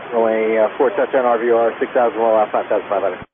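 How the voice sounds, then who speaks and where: A man's voice: lowish voice, steady tone, fast talker. A man working as an air traffic controller, giving terse, procedural instructions over aviation radio. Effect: aviation radio transmission. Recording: tinny radio link, clear static noise.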